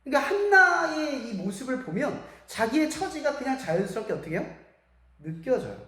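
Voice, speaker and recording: A young adult woman preaching a sermon to young people at a school church service, animated and full of rhetorical questions. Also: high voice, moderate pace. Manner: animated, asks the audience many rhetorical questions. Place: church hall. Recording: very echoey church hall.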